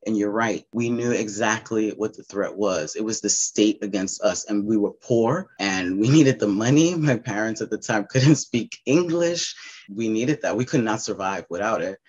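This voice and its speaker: A man's voice: on the low side, moderate pace, a little mellow, slightly rough, highs cut off. A man in his fifties giving candid, emotional personal testimony in an interview, speaking openly and swearing freely. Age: 50s. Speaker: interviewee, abuse survivor.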